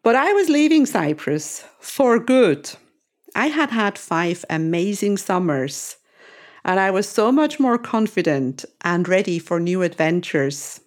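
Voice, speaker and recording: Speaking a bit slowly in a medium-pitched, sing-song voice, this Swiss podcast host in her sixties tells stories from her own life, thoughtful and wistful in tone.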